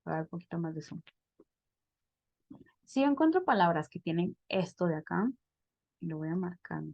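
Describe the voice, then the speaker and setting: A woman's voice: fairly low pitch, animated, normal speed, creaky, no room sound, muffled recording. A woman teaching a pronunciation class over a video call, explaining step by step and checking in with her students. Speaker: English teacher.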